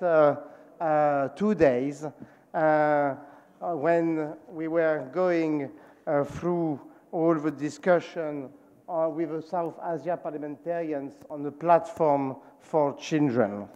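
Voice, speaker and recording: A man moderating a formal event, speaking haltingly and searching for his words in a large conference hall. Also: fairly high pitch, darkish tone. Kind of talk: formal welcome speech.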